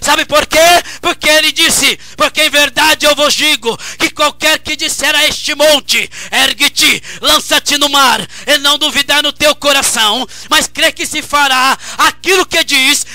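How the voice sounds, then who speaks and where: A man with a Brazilian Portuguese accent preaching a radio sermon with passion, at times shouting repeated phrases. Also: very high-pitched, fairly even intonation, unhurried, hardly any pauses, no echo. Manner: impassioned preaching with shouted repetitions. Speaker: pastor.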